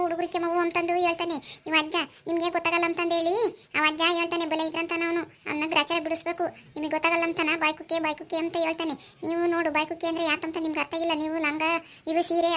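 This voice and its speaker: Cartoon woman, voiced by an actor, high, rapid, flat-toned scolding, faint hiss. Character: scolding village woman customer, sharp-tongued. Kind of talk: cartoon voice acting.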